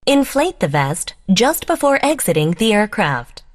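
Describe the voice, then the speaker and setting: A woman reading a scripted plane cabin safety announcement in a formal, measured way, as a flight attendant. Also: medium pitch, very animated.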